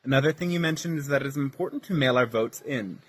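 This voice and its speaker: A man's voice: mid-range voice, fast, a bit bright. Earnest man reading a prepared question. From Pennsylvania, United States. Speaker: viewer with a recorded question.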